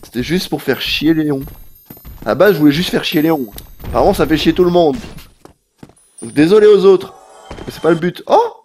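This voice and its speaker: Animated male game streamer, higher voice. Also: fairly quick, long pauses, faint music behind. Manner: animated, talks straight to chat, swears casually. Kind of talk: live gameplay commentary.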